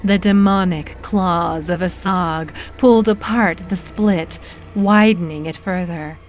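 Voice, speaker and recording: A woman narrating a horror story in a slow, theatrical, ominous manner. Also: medium pitch.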